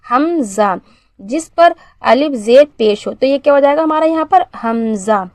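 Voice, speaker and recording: In a beginners' Quran reading class, this woman speaks with a high-pitched, expressive, slightly mellow voice. She asks and answers her own questions and repeats syllables slowly and clearly, with no room sound audible.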